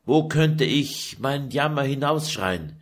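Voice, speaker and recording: A man's voice: animated, a little slow. A man reading a German audiobook, voicing a young noblewoman who is weary and sad. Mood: plaintive. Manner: high plaintive lament.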